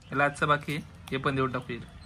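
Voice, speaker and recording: Bright-voiced man, teasing vlogger. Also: mid-range voice, flat delivery, fast, faint music behind. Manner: teasing, coaxing. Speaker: vlog host. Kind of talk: casual vlog chat.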